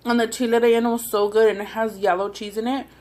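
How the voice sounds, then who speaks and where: A woman's voice: on the high side, level tone, a little mellow. Woman chewing while she talks. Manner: chewing while talking, pausing between bites. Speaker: mukbang vlogger. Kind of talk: casual personal storytelling while eating.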